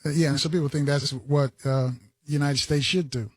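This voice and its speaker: A man's voice: on the high side, steady tone, fairly quick, slight background noise. A man hosting a call-in radio show, speaking in a laid-back, hesitant way with many fillers. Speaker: radio talk show host.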